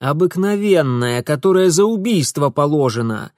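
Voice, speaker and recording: A man voicing a blunt young gentleman who speaks in a curt, barking way. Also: fairly high pitch, expressive, normal speed, no echo, clean studio sound, lightly acted.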